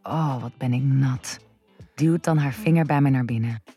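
A woman narrating an erotic first-person story in a breathy, hushed, intimate voice that drifts into whispers. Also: very deep voice, moderate pace, faint music behind.

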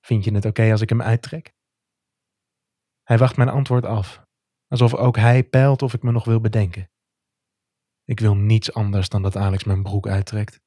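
A man narrating a romantic first-person story in a soft, intimate, measured way. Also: fairly low pitch, no room sound, studio quality.

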